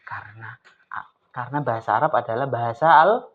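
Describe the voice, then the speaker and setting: A woman teaching an Arabic class to children, coaxing her pupils with lively questions. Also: extremely low pitch, fairly quick. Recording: slightly dull lo-fi with faint noise.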